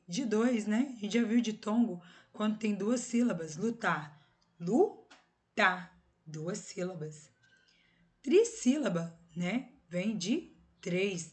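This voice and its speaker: A woman's voice: medium pitch, mellow. A woman with a Brazilian Portuguese accent teaches a recorded grammar lesson. She explains patiently, step by step, and checks in with her students through short tag questions.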